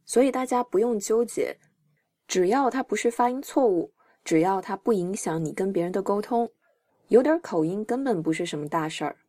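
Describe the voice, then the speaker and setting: A woman's voice: medium pitch, animated, normal speed, dark tone, no room sound, studio quality. A woman English teacher hosting a podcast, explaining terms step by step in an encouraging, scripted lesson.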